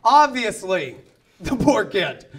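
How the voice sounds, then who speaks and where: A man in his thirties doing a stand-up comedy set in a club, ranting and breaking into yelled outbursts. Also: sits high, big pitch swings, slow. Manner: ranting, yells in acted outbursts. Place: comedy club stage with live audience. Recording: live club recording, audience laughter.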